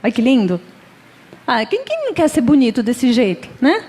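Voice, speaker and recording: A woman's voice: fairly high pitch, wildly swooping pitch, moderate pace, darkish tone. A middle-aged woman with a Brazilian Portuguese accent gives an informal religious lecture, chatty and conversational, laughing often and acting out little everyday dialogues. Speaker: guest speaker at a Spiritist center. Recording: lecture hall with long reverb.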